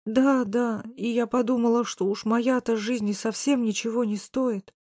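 A woman's voice: on the high side, fairly even intonation, normal speed, mellow, dry recording, lightly acted. Woman narrator reading a fretful old woman, plaintive, sighing, audiobook dialogue, dry close sound. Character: fretful elderly woman, whimpering and helpless.

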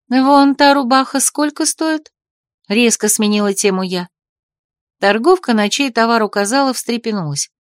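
A woman narrating a romantic fantasy audiobook in the first person, with a wry, expressive reading. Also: medium pitch, no room sound, studio quality.

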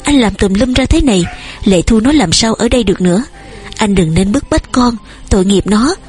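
Woman reading as a gentle pleading farm wife. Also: medium pitch, expressive, normal speed, faint music behind, lightly acted. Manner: soft, pleading. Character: gentle soothing middle-aged farm wife.

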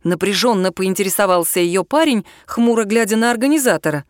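A woman narrating a horror story in an expressive storytelling manner. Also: mid-range voice, a little fast, no room sound, clean studio sound.

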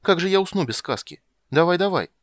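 A man reading an audiobook, voicing a stubborn, chatty little princess in a raised, excited voice. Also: high voice, no echo, voice pushed up. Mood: excited, insistent. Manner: pleading, fast excited chatter.

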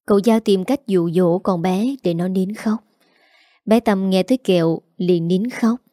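A woman narrating a storybook in a steady, even way. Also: mid-range voice, a little slow, dry recording, clean studio sound.

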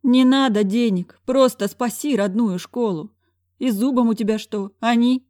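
A man's voice: very high voice, a little slow, darkish tone, no echo, studio quality, pitched above the performer's own voice. A woman voicing a panicky, melodramatic older male school director who whines and exclaims in a raised, strained voice, in an audiobook reading. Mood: tearful pleading. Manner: theatrical, whining, exclamatory.

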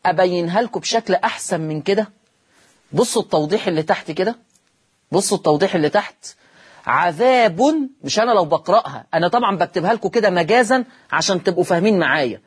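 Husky Egyptian man teaching Quran reading. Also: sits high, lively intonation. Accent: Egyptian Arabic. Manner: explains step by step, asks the class questions and answers them himself; recites Quranic words slowly and drawn out. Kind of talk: televised lesson on Quran reading rules.

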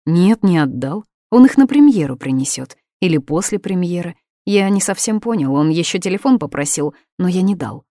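A woman voicing a strict middle-aged father who directs a theater, speaking in a measured, firm way. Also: fairly low pitch, lively intonation, warm tone, dry recording, studio quality. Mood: earnest.

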